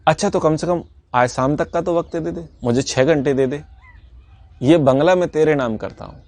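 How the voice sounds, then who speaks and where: A man's voice: fairly high pitch, darkish tone, no room sound, close to an everyday voice. A man playing a frantic rich old merchant pleading for time. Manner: pleading, bargaining in rushed bursts.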